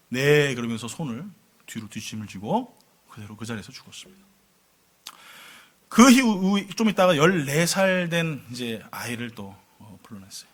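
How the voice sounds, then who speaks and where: Animated preaching man, lively pitch. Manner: animated, swings from loud exclamations to hushed low tones. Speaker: pastor. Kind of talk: sermon with dramatic storytelling. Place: church sanctuary.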